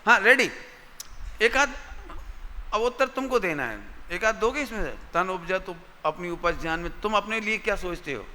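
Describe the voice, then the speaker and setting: A man with a high, very bright voice teaches a lively religious class for children, repeating words and quizzing pupils. He talks slowly and deliberately. The sound carries a long hall reverb. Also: slight background noise. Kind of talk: interactive religious lesson.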